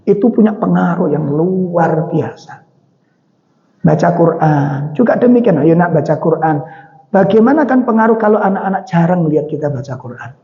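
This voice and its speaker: In a mosque hall, a man with a Javanese accent delivers a sermon in a chatty storytelling style, asking his audience questions. His high voice is expressive and moderately paced, and the recording sounds dull with long hall reverb.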